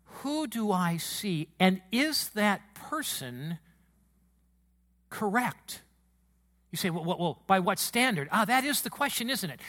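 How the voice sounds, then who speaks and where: The congregation in the church sanctuary hears a pastor preach in a high, booming voice with a bright and forceful edge. He is emotional throughout and rapidly becomes excited.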